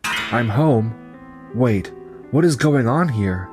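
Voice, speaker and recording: A man voices a betrayed young company founder and his coworkers in a dramatized manga story, mixing dub acting with narration. He delivers scripted, conversational explanations at a middle pitch, expressive and slow, with a calm, resigned mood. Music plays under his voice.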